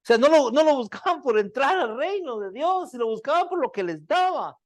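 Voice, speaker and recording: A preacher delivering a sermon, firing rhetorical questions at the listeners, checking in with a repeated tag question, and dropping to hushed tones for emphasis. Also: sits high, big pitch swings, moderate pace, no echo, clean studio sound. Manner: keeps asking the congregation rhetorical questions; loudness swings widely, dropping to hushed lines.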